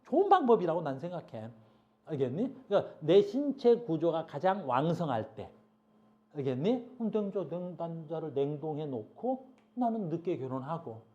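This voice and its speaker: A middle-aged male teacher giving a classroom lecture, chatty and lively, often stopping to ask the class if they understand and scolding students in passing. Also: on the high side, moderate pace. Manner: keeps asking "알겠니?" to check understanding. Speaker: high school biology teacher. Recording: dull lo-fi classroom recording.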